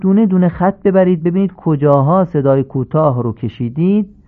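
Man slowly chanting recitation examples, narrow tinny sound. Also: a little high. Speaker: Quran recitation teacher. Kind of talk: radio lesson on recitation. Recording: narrow phone-like band, old radio tape.

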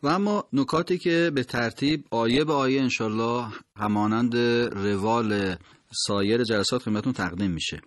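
A man teaching recitation. He explains pronunciation rules, then slowly and carefully sounds out each word as an example. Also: medium pitch, no echo.

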